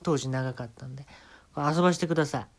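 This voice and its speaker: A man with a Kansai Japanese accent talks alone into a home podcast microphone. He tells an absurd story in a comic monologue and gives mock-serious instructions. He sometimes drops into a soft whisper for quoted lines. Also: medium pitch, quick pace. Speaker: podcast host.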